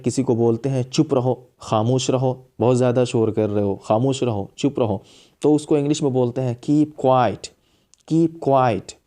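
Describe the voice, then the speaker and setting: A man teaching a spoken English lesson, saying each English command slowly and repeating it several times. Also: medium pitch, mellow.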